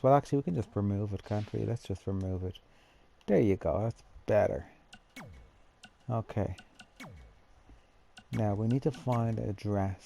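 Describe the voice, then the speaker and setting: Low gravelly man musing aloud. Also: dark tone, a little hiss or hum. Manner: chatty, thinks aloud, talks to himself. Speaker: gamer building a character. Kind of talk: casual gameplay commentary.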